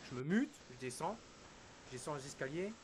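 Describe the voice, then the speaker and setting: A male streamer recounting a personal loss in halting, emotional storytelling, his voice dropping to a hush and then rising again. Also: on the high side, animated, poor audio. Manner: halting, quotes dialogue, swings between hushed and raised. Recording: hissy background noise.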